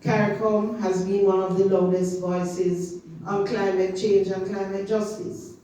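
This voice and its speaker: A Jamaican woman with a Jamaican accent, an official of a regional organization, gives an impassioned public talk at a community meeting. Her medium-pitched voice is mellow, with rhythmic emphasis that rises into chant-like slogans; the recording comes from a distant mic in an echoey hall, with faint ambience and a little hiss or hum.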